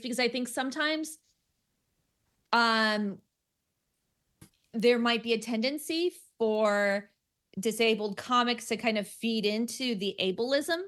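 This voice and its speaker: On the radio, a woman comic who stutters talks casually in a fairly high, somewhat bright voice. Her speech is dotted with fillers and restarts, and laughter comes easily to her.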